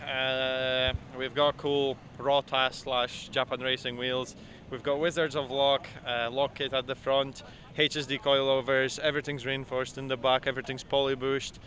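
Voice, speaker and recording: Bright-voiced man from Poland. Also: medium pitch, moderate pace, a little hiss or hum. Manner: relaxed, hesitant, many "uh"s. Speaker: drift driver. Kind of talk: casual interview answers. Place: outdoors at a drift event.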